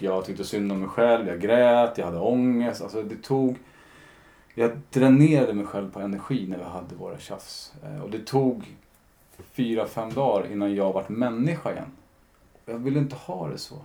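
Gravelly low-voiced man telling his story. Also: darkish tone. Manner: reflective, retells conversations with frequent fillers. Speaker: podcast guest. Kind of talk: candid personal storytelling.

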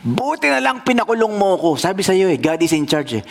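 A man voicing a calm, wise best friend who talks in a knowing, teasing way. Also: high voice, a little fast, vocal fry, full character voice.

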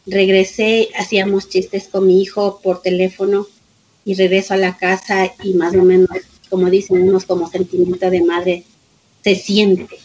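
A woman's voice: medium pitch, flat delivery, normal speed, a little mellow, breathy edge, muffled recording. A middle-aged woman, a mother giving personal testimony in an interview and reenacting conversations with her son. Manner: emotional storytelling, reenacting dialogue, repeating phrases. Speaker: grieving mother of a police officer.

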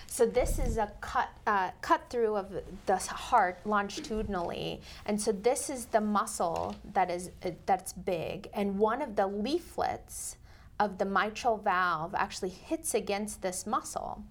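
A woman's voice: mid-range voice, unhurried. A woman cardiac surgeon on a call-in medical show, explaining procedures in plain terms and laughing easily.

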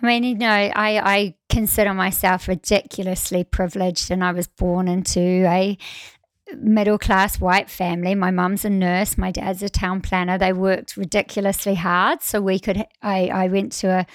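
A woman in her forties, a guest in a casual conversation, who talks in a chatty, expressive way, laughs often and acts out the voices she quotes. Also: mid-range voice, no echo. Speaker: podcast guest.

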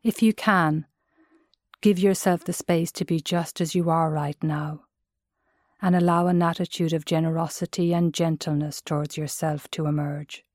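Guiding a mindfulness meditation, an Irish woman speaks low, gently and measuredly, as if giving careful instruction. Her intonation stays fairly even, and the recording is dry with no room sound.

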